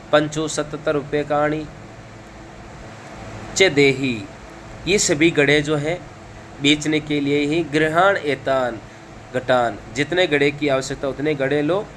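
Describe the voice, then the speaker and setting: A man's voice: fairly high pitch, a bit bright, a little hiss or hum. A man teaching a lesson, reading each phrase and then explaining it line by line. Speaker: Sanskrit teacher.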